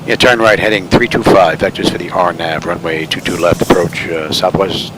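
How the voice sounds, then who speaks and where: A man with a lowish voice talks casually through a simulated flight as its pilot. Clear engine and cockpit noise runs behind his commentary. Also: fairly even intonation, moderate pace.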